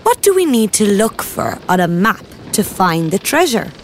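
Lively woman leading a kids' story. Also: mid-range voice, moderate pace, a little hiss or hum. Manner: animated, encouraging, speaks straight to the child. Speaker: children's activity presenter. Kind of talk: interactive storytelling for young children.

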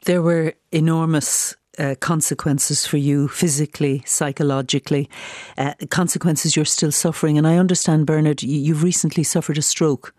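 A male Irish radio presenter with a somewhat high voice. He delivers scripted introductions and interview questions in a very dry studio sound. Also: steady tone, normal speed, darkish tone, no echo.

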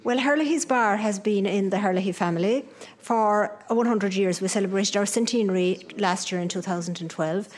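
A middle-aged woman from rural Ireland talks in a medium-pitched voice with a Kerry accent. She reminisces in an easy conversational style, explaining old ways. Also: normal speed. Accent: Kerry Irish. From Ireland, County Kerry. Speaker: pub keeper and archaeologist. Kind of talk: conversational reminiscing about local traditions.

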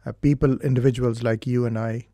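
Indian-accented man with a gravelly voice. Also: medium pitch, steady tone, warm tone, dry recording. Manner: measured, explanatory, with hesitations. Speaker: doctor and therapist. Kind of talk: studio interview.

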